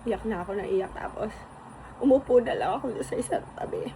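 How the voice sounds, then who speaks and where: Tearful woman with a gravelly voice. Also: a little high, expressive, noisy background. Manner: halting, many restarts and fillers, near tears. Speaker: vlogger telling a personal story. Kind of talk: emotional personal storytelling.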